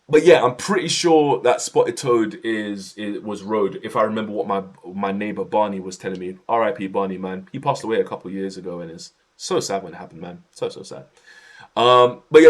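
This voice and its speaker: Chatty man streaming. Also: fairly low pitch. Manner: chatty, slang-heavy, reads out chat. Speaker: livestreamer. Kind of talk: casual livestream chat. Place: home office.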